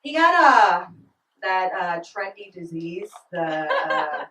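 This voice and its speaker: Young female stand-up, bright lively delivery, roomy club mic from a distance. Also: on the low side, takes it slowly. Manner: giggly, breaks into laughter mid-line. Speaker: stand-up comedian. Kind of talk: stand-up comedy set. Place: small comedy club stage.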